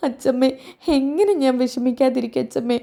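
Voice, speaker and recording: A woman voicing a grieving young woman who speaks softly and tearfully. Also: sits high, steady tone, normal speed. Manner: tearful, soft.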